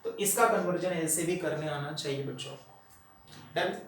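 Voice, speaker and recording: A man's voice: fairly high pitch, moderate pace, fairly bright tone, slight background noise. A male math teacher with an Indian accent giving a classroom lecture, mixing Hindi and English and putting questions to the students. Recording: echoey room, voice from far off.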